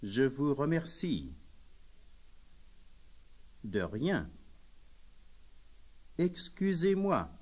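A man reading French phrases as a language lesson drill, saying each phrase slowly and plainly. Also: medium pitch, huge pitch swings, darkish tone, slightly rough. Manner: says each phrase slowly and plainly, with pauses for the listener to repeat. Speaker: language course speaker. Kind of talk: slow, deliberate phrase drill.

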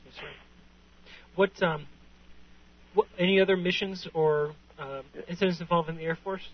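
A man's voice: high-pitched, steady tone, normal speed, distant mic, muffled recording. A man interviewing for an oral history, asking brief, polite prompting questions.

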